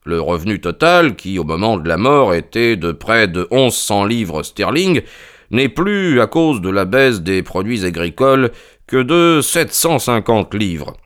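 Sherlock Holmes, calm and wry, read by a man. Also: lowish voice, a little slow, smooth. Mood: explaining. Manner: unruffled, dryly ironic. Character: sharp, calm, ironic male detective. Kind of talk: dramatized audiobook reading.

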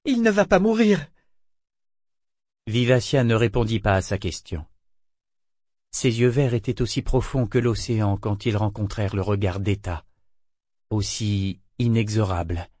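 A man narrating a fantasy novel in a steady, measured way. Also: on the low side, no echo, clean studio sound. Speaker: audiobook narrator. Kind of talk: dramatic audiobook narration.

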